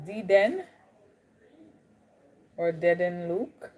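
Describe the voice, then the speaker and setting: Very slow and expressive, a young woman's low-leaning, darkish voice carries a Jamaican accent as she hosts a live stream. Her chatty manner includes greeting viewers and moving between different Caribbean accents while she talks casually with them.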